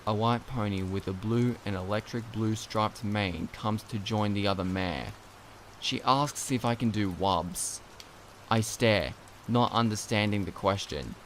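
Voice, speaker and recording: A man narrating a first-person story as a scripted dramatic reading, measured and drawing out some phrases. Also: on the low side, a bit bright, a little hiss or hum, low-quality recording.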